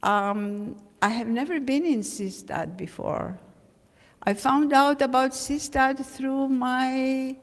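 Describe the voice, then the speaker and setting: A woman presents her art practice at a symposium, unhurried and measured, pausing on ums. Her voice sits a little high with a gravelly edge. The sound carries the long ring of an echoey hall. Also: steady tone. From Greece. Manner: measured, with frequent ums and uhs. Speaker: invited artist. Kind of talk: symposium talk.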